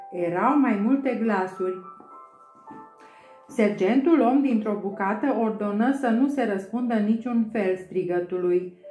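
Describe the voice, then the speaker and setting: A woman's voice: mid-range voice, a little mellow. Woman narrating an audiobook. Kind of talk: scripted narration. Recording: roomy echo, faint music.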